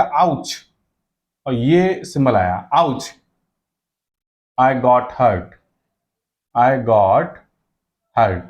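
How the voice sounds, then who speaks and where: A man teaching an English grammar class, explaining step by step and slowing right down to dictate example sentences word by word. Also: on the high side, a little mellow. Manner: explains step by step, checking with "correct?" and "okay?".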